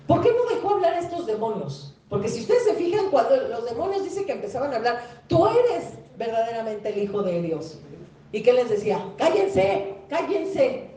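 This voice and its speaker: Woman pastor, conversational sermon, mellow higher voice, echoing hall, mic far off. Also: slight background noise. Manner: conversational preaching, quizzes the congregation, acts out quoted speakers.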